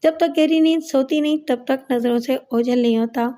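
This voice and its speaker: A strange, secretive young woman speaks coyly and dreamily in an audio crime story, read by a woman. Her voice is high and mellow, close to the reader's own. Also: lightly acted. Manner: coy, dreamy, dismissive. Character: odd, secretive young woman in love with a mirror.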